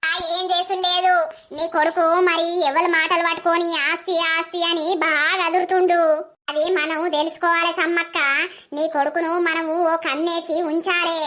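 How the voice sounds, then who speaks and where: A woman voicing a shrewd, bossy village neighbor in a cartoon, speaking briskly and commandingly. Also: extremely high pitch, level tone, pushed and bright. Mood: scheming.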